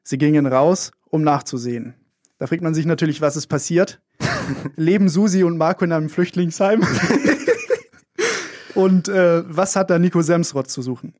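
A man's voice: fairly high pitch, very animated, a little slow, a little mellow, no room sound. A young man co-hosting a casual radio show, talking with many fillers and a wry, self-mocking manner. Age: young adult. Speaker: radio co-host.

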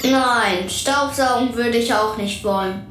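A woman voicing a touchy, curious, childlike little planet as an expressive, naive space correspondent on children's radio. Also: a little high, slow. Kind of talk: children's radio character dialogue. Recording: roomy echo, music behind.

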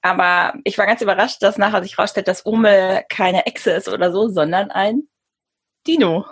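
A woman's voice: mid-range voice, normal speed, husky. A woman co-hosting, chatting casually and correcting herself as she talks. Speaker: podcast co-host. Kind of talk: casual chat.

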